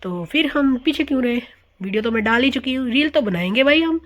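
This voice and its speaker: A woman's voice: high voice, animated, fairly quick. A woman, narrating a casual family vlog as a voice-over in a chatty, amused way, dropping English words in. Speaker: vlogger.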